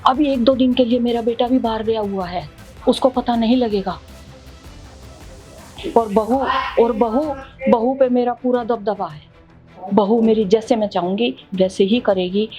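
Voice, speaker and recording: A woman's voice: on the high side, steady tone, unhurried, warm tone, lightly acted. An actress playing a scheming mother-in-law who later begs tearfully for forgiveness, in a melodramatic family drama with faint music underneath. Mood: domineering. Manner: pleading, repeats "beta" while crying. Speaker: actor in a family drama short. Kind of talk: melodramatic short-film acting.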